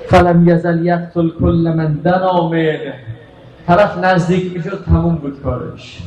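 High-voiced man chanting a mourning sermon. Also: steady tone, highs cut off, a little hiss or hum. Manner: rises into shouted wailing chant, then drops to low narration. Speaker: eulogist. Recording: echoey, distant mic, faint ambience.

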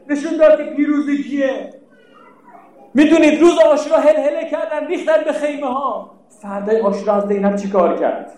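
Impassioned high-voiced preacher in echoing hall. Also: male voice, a little mellow. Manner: impassioned, rising to cries. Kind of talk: mourning sermon with chanted elegy. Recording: very echoey from far off.

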